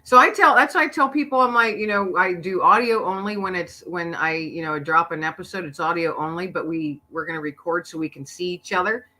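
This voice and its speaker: On poor-quality audio, a middle-aged author and podcaster chats as an interview guest, laughing a lot and spinning lively stories. She talks briskly in a fairly low voice, rarely pausing.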